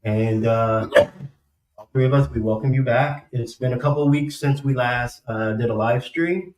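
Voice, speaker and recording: A man co-hosting a casual livestream with muffled, slightly slurred speech as if he had cotton in his mouth, talking in a halting way with repeated words. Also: medium pitch, a little mellow. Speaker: show co-host. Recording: roomy echo, distant from the mic.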